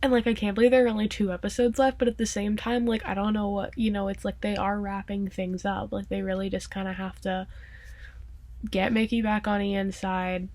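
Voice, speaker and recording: A woman's voice: medium pitch, little pitch movement, fairly quick, a little mellow. Young woman talking to camera, all over the place, emotional, says like a lot. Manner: rambling, emotional, swears, lots of fillers. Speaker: vlogger. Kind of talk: casual chat to camera.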